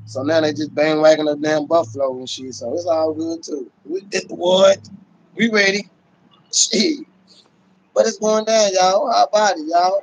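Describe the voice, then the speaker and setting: Slight background noise and cut-off highs mark this close-range phone recording from a small indoor room. The speaker, a middle-aged man with a slightly high voice, hosts a casual sports livestream as a Cowboys fan, full of slang, swearing and repeated catchphrases.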